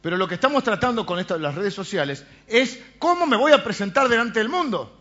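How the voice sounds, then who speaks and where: A man preaching a sermon, asking rhetorical questions and often dropping to a quiet aside. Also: sits high, expressive, brisk, highs cut off.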